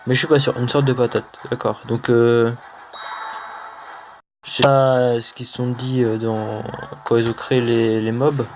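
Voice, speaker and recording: A French-accented man gives relaxed gameplay commentary at an unhurried pace. He hesitates often and fills gaps with soft fillers. Upbeat game music plays clearly behind his voice. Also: mid-range voice. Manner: hesitant, many "euh" fillers, slow and unhurried. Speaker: gaming channel host. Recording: music playing under the voice.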